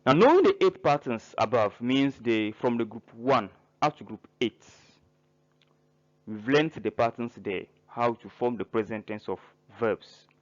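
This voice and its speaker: A man teaching a French grammar lesson in English, listing verbs slowly and spelling out word endings letter by letter. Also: mid-range voice, expressive, highs cut off. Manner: spells words out letter by letter, pauses between listed verbs. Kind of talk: slow grammar lesson narration.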